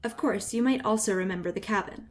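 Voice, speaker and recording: A woman's voice: mid-range voice, fast talker, faint music behind. A woman narrating a scripted family video, telling it in a proud tour-guide way.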